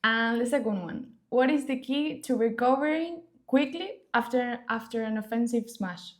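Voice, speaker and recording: Woman co-host, fairly high voice, brisk, reads questions out. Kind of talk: interview hosting.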